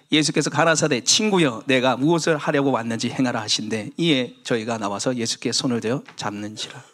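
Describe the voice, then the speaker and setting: A pastor preaching a Sunday sermon, animated, with swings between emphatic lines and hushed, pleading tones. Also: male voice, medium pitch. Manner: animated preaching, dropping to hushed tones when voicing Jesus's pleas.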